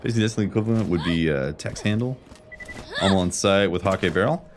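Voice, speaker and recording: Low-voiced and fast-talking, a man streams a video game, musing and commenting on it in a casual, slangy, conversational way. Video game music and other background noise play behind him.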